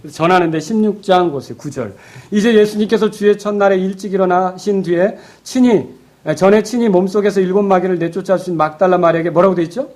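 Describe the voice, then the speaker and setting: Brief: male pastor, higher register, animated sermon delivery that shifts between loud and quiet, lots of rhetorical questions. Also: fast talker. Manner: peppers the congregation with rhetorical questions.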